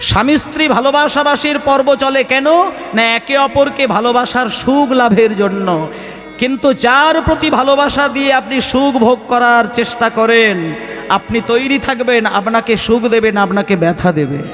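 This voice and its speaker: This impassioned preacher at a kirtan gathering keeps asking his audience rhetorical questions while his sermon moves in and out of chanting, live music playing softly behind him. He speaks at a normal speed in a very high, fairly bright voice with a long reverb tail.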